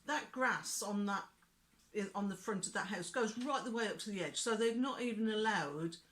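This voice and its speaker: A woman's voice: mid-range voice, moderate pace, fairly bright tone. A woman chatting casually as a vlog co-host. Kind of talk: casual chat.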